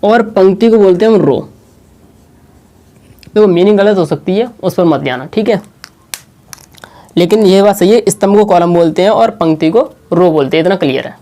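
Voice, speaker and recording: Male teacher, mellow tone, rhetorical question-and-answer style, patient board lesson. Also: high voice. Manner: asks questions and answers them himself; slow, repetitive explaining.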